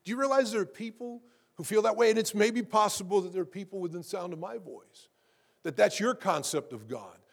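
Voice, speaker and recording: A man's voice: expressive, fairly quick, vocal fry. A man preaching a sermon to a congregation. He keeps asking them how many know, and he repeats words as he builds up. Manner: rises in pitch and volume to preach with force. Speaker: pastor.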